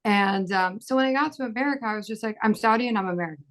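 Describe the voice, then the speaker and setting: Speaking rapid-fire at a medium pitch, a woman in her thirties raised in Bahrain sits on a panel as an actor. She's animated and casual, laughing a lot and acting out quoted dialogue.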